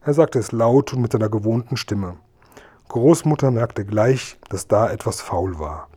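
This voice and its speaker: A man calmly narrating a children's story as a scripted audiobook reading. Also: fairly low pitch, unhurried, breathy edge.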